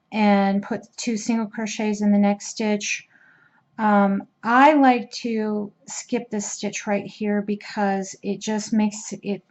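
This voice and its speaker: Woman crochet instructor, unhurried and mellow, working as she talks, muffled home recording. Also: medium pitch. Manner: talks slowly while working, self-deprecating asides. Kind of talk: step-by-step craft tutorial.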